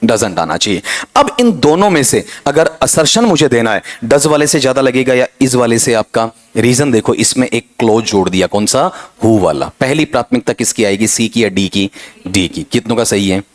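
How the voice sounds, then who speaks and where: A man's voice: medium pitch, lively intonation. Man quizzing a grammar class. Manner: quizzing students with repeated rhetorical questions; reads example sentences slowly and deliberately. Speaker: English grammar teacher. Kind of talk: exam-prep lecture.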